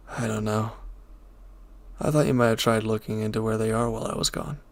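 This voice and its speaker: In an intimate audio drama, a man voices a reformed villain who has become a devoted lover, speaking in a soft, gentle, hesitant, breathy way. His voice is lowish and natural, and he sounds hesitant and concerned.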